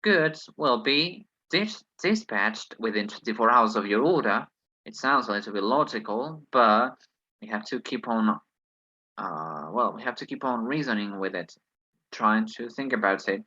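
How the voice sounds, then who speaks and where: Bright-voiced man teaching, thinking aloud. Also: fairly low pitch, lively intonation, a little slow, dull audio. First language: not English. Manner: hesitant, thinks aloud, many "well"s. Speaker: English teacher. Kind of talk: online lesson, working through exercises aloud.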